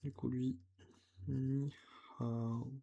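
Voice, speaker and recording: Slow, creaky young man thinking aloud. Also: mid-range voice, flat delivery, dark tone, highs cut off. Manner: hesitant, thinking aloud while writing. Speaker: language learner vlogger. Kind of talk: casual learning vlog. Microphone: camera set on the desk.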